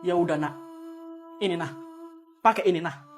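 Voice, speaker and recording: A young adult comedy performer voicing every role in a family skit, switching quickly between bickering characters. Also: medium pitch, faint music behind.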